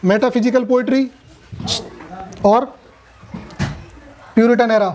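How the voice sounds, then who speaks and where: A man's voice: very high-pitched, steady tone, slow, a little mellow. A man teaching a classroom lecture at a coaching class, chatty, joking and often asking students questions.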